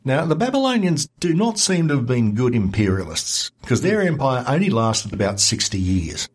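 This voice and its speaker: A man guest on a history podcast, explaining events in a lively, wry conversational way. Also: mid-range voice, moderate pace, slightly rough. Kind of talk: casual history chat.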